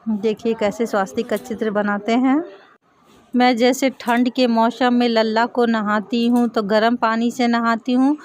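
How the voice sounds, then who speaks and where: A woman calmly showing a home worship routine step by step, speaking gently and affectionately. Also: on the high side. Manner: gentle, affectionate, speaks softly to the idols as to babies. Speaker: devotional home vlogger. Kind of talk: calm step-by-step ritual demonstration. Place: home puja area, indoors.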